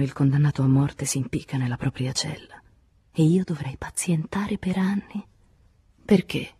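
A woman reading a literary novel aloud as an audiobook, quiet and intimate, often sinking to a whisper. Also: deep voice, breathy edge. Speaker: audiobook reader.

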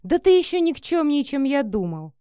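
A woman's voice: high-pitched, big pitch swings, normal speed, mellow, dry recording, clean studio sound, voice pushed up. A woman voicing a spiteful, jealous male coworker in an audiobook, with a sneering, hissing delivery.

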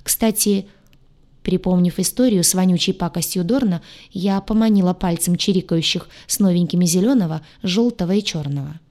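A woman reading a first-person science fiction audiobook aloud, with a lively, ironic storytelling manner. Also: lowish voice, moderate pace. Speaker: audiobook narrator.

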